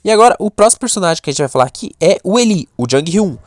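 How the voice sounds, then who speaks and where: A man's voice: sits high, expressive, racing, no room sound, studio quality. A young man from Brazil, giving rambling casual commentary full of fillers and restarts. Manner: rambling, self-correcting, lots of fillers. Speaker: commentator on webtoon characters. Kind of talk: casual talking-head commentary.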